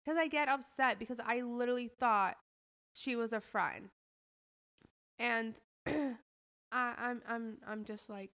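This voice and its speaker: A woman talking through her own friendship stories on a podcast, blunt and heavy on swearing. Her voice sits fairly high, and she restarts sentences often and leans on "like" as she goes. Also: fairly bright tone. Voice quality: blunt, heavily profane, emphatic. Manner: frequent restarts and filler "like". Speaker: podcast host. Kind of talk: casual storytelling monologue.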